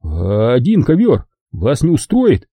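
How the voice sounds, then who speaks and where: A man's voice: mid-range voice, wildly swooping pitch, measured pace, warm tone, husky, dry recording, voice pushed up, exaggerated voice. A man voicing a bewildered, stubborn van driver who protests in puzzled tones.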